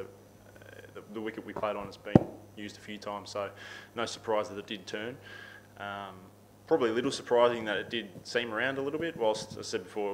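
Australian man, low flat voice, press conference table mic, faint hiss. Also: poor audio. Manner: steady, repeats words while thinking, fillers. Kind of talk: post-match press answers. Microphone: table microphone.

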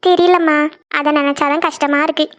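A woman's voice: high voice, fairly even intonation, fairly quick, a bit bright, muffled recording. A woman voicing a worried, sad middle-aged mother in a cartoon, talking in a weary, complaining way. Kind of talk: cartoon voice acting.

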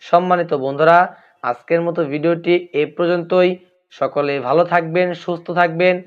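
A man's voice: on the high side, steady tone, moderate pace, smooth, dull audio. A man giving a religious lesson on pronunciation, repeating each phrase carefully and addressing his listeners as honored friends. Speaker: religious teacher.

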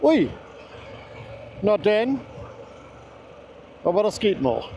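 Riding his motorcycle along a mountain road, a man chats enthusiastically through a helmet mic, talking both to himself and to his viewers. His voice is high-pitched and mellow, very animated yet very slow. There's slight background noise.

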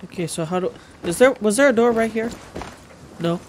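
A woman giving casual gameplay commentary, exclaiming and thinking out loud as she plays. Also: medium pitch, a little fast, slight background noise. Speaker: gamer, let's player.

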